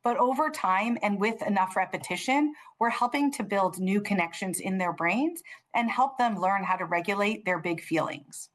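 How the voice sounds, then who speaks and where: A woman presenting a parenting webinar in a calm, measured, explanatory way. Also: medium pitch.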